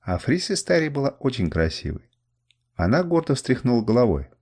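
A man's voice: medium pitch, sing-song, a little fast, darkish tone, husky. A man reading a first-person adventure novel aloud as audiobook narration, telling it expressively. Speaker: audiobook reader.

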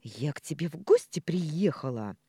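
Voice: big pitch swings, moderate pace, dark tone, husky, no echo, studio quality, exaggerated voice. A reader voicing a touchy, tearful pregnant young woman who bursts out indignantly, in a read-aloud story. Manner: shrill, indignant outbursts. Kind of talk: audiobook character voicing.

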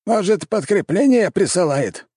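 Man doing a smug arrogant emperor, kinda high, looks down on everyone. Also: very animated, unhurried, gravelly, darkish tone, husky, no echo, exaggerated voice. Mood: scornful. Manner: haughty, dismissive. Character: arrogant scornful male emperor, middle-aged ruler.

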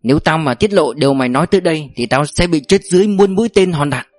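A man's voice: on the high side, animated, fast talker, no room sound, faint music behind, pitched above the performer's own voice, natural voice. Man doing a cunning security boss, blunt, audiobook read, dry sound. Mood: scheming. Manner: blunt, bossy. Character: sly older male security chief, scheming.

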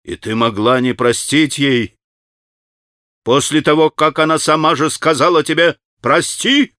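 A man's voice: fairly high pitch, measured pace, bright, forceful tone, smooth, no echo, clean studio sound. A man reading an audiobook, voicing an impulsive, anguished young man who exclaims and pleads.

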